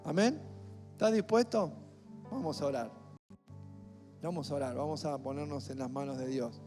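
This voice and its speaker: A man with a Rioplatense accent preaching a sermon as pastor, emphatic and building to near-shouts on key phrases. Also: medium pitch, steady tone, moderate pace. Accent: Rioplatense Spanish. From Argentina. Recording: echoey hall with faint music.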